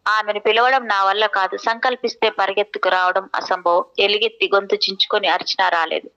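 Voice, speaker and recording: Bright, smooth-voiced woman reading a novel. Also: medium pitch, fairly even intonation, muffled recording. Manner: measured, reflective, poetic phrasing. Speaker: audiobook narrator. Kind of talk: first-person novel reading.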